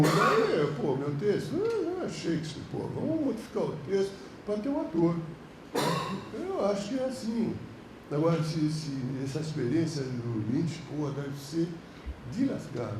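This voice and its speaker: A film director with a Brazilian Portuguese accent lectures a class through loose, slang-filled anecdotes. His voice sits high and swings widely, with a mellow tone. The room around him is roomy and echoey. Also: slight background noise. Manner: animated, colloquial storytelling, frequent slang. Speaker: film director teaching a course. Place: university classroom.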